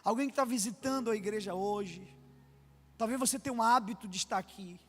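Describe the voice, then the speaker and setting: A Brazilian man preaching a sermon as pastor, acting out stories and rising into impassioned shouts. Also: sits high, brisk. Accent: Brazilian Portuguese. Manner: acts out dialogue in anecdotes. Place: church sanctuary. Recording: long church reverb, faint music.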